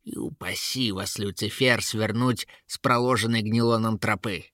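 A man voicing a scheming, sharp-tongued troll woman leader who shouts and scolds in a storybook reading. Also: fairly low pitch, fairly even intonation, normal speed, dry recording, studio quality, natural voice. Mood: scolding.

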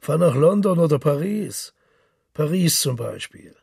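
A man voicing a boisterous, hard-drinking middle-aged male journalist, loud and boastful, with a gravelly, raspy voice. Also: on the high side, expressive, measured pace, dry recording, clean studio sound, voice pushed up, exaggerated voice. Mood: worldly.

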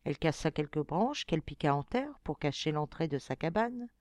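A woman narrating a fairy-tale audiobook in an expressive, measured storytelling manner. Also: deep voice, no room sound.

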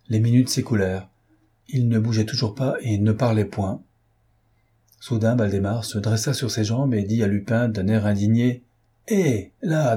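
A man narrates a novel as an audiobook reader, keeping his storytelling measured and even. His voice is on the low side with a breathy edge.

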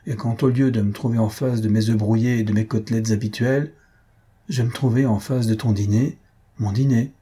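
A man voicing a lonely, kind country gentleman who grumbles and reproaches his friend. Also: medium pitch, steady tone, a little fast, slightly rough, lightly acted. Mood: grumbling.

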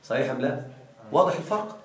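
A male teacher leads a grammar class and keeps prompting his students to finish his sentences. His voice sits a little high and carries through a roomy, echoing classroom. The mic picks him up from some distance. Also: animated. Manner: quizzes students with fill-in-the-blank prompts; slow, stressed reading of example phrases. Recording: echoey room, distant mic.

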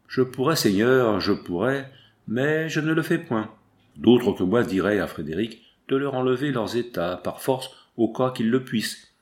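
A man's voice: mid-range voice, lively intonation, a little slow, lightly acted. A man reading the lines of a proud, grieving medieval prince in an audiobook, in a declamatory, pleading manner. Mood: proud, indignant.

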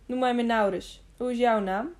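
A woman reading an old male hermit in an audiobook, speaking softly and solemnly. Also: fairly high pitch, fairly even intonation, normal speed, close to an everyday voice.

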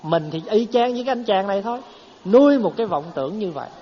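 A man's voice: high-pitched, expressive, fast talker, slight background noise. Male Buddhist preacher, storytelling sermon with rhetorical questions, muffled hall sound. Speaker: Buddhist teacher. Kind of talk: dharma talk sermon. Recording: dull echoey hall recording.

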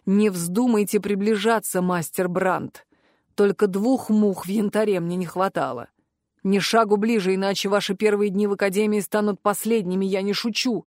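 A woman's voice: steady tone, darkish tone, no echo, clean studio sound, lightly acted. A woman playing a cold stern male curator. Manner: low, measured, clipped commands. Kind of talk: audiobook character voice.

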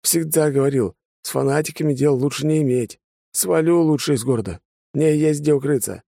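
A man's voice: on the high side, fairly quick, gravelly, dark tone, no room sound, clean studio sound, voice pushed up. A man reading an audiobook, voicing a tired, pragmatic mercenary bandit who grumbles as he gives in. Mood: resigned.

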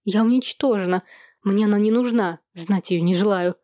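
A woman reading an audiobook, voicing a prim, hysterical middle-aged woman who complains in a shrill, sobbing way. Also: normal speed, mellow, no echo, studio quality, lightly acted. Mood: distraught.

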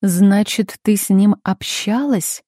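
A patient grown daughter, voiced by a woman reader presses her point calmly and firmly, at times pleading. The voice is dark and mellow, recorded dry and close. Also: mid-range voice, slow, dry recording. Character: patient, insistent grown daughter, calm and firm.

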